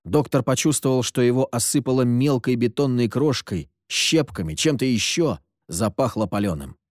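In studio-quality audio with no room sound, a man reads scripted audiobook narration at a moderate pace. His mid-range voice keeps a steady, even storytelling manner.

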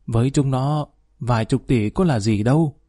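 A man reading aloud and voicing a sharp-tongued older wife and mother who accuses and wails in a storybook reading. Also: medium pitch, normal speed, no echo, clean studio sound, close to an everyday voice. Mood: calm persuading.

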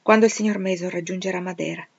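A woman reading the lines of a formal, measured male lawyer explaining events. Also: fairly low pitch, steady tone, vocal fry, husky, lo-fi sound.

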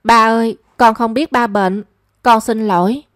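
A remorseful young woman pleads and worries aloud, as a woman narrator voices her. Her voice is a little high and sounds dry and close. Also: steady tone, unhurried, a bit bright, no room sound. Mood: pleading. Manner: pleading and emotional. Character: young daughter, remorseful and anxious.

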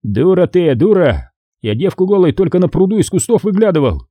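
A man's voice: high-pitched, sing-song, fairly quick, dry recording, dull audio, voice pushed up. A man doing a hot-headed young soldier, Fofanov. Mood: heated threats. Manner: heated, threatening.

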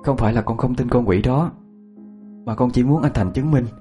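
A man voicing a bewitched young woman, making cold, insistent demands in a husky voice. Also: medium pitch, moderate pace, mellow, faint music behind, pitched above the performer's own voice, lightly acted. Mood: pleading, cold.

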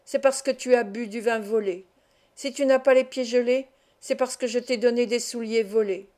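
A woman's voice: on the high side, steady tone, normal speed, warm tone, close to an everyday voice. A woman reading the part of a bitter, scornful young male thief in an audiobook. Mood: furieux. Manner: angry reproachful.

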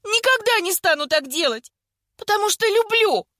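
A woman's voice: high-pitched, animated, normal speed, a bit bright, no echo, clean studio sound, voice pushed up. A woman voicing an earnest young woman who pleads and breaks into tears easily. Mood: upset, crying out.

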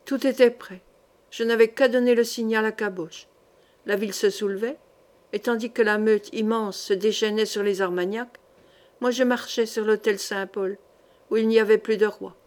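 A woman reads a brooding, ambitious medieval duke who mutters darkly and low. His lines sit a little under the reader's own voice. A storybook character from a historical novel. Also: steady tone, moderate pace, darkish tone, lightly acted. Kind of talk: audiobook character reading.

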